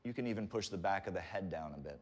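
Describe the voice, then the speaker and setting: Male fitness instructor, lower register, calm and encouraging cueing, recorded in a very reverberant room. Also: fast. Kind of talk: guided workout instruction. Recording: reverberant room with long echo.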